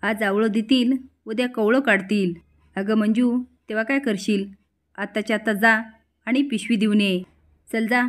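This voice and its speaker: A woman's voice: fairly high pitch, steady tone, normal speed, lightly acted. A woman reading the lines of a proud, angry young woman who scolds her family. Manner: scolding, sharp retorts.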